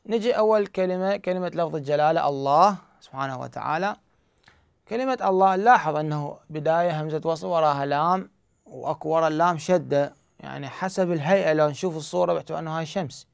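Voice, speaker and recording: A man's voice: fairly high pitch, quick pace, gravelly, clear, resonant tone, dry recording, studio quality. A man with an Iraqi Arabic accent, teaching Quran recitation rules step by step and answering his own questions. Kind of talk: explanatory lesson.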